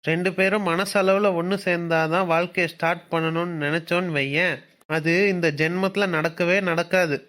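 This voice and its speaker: A woman voicing a calm, teasing young husband who keeps questioning his wife in a cartoon serial. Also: on the low side, moderate pace, lightly acted. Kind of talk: Tamil cartoon serial voice acting.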